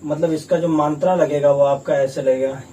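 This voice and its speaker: A male teacher patiently explains a grammar lesson, repeating himself as he sounds out letters one at a time. His slightly high, mellow voice keeps a steady tone at a moderate pace. He is recorded from a distance, with a faint hum of room noise.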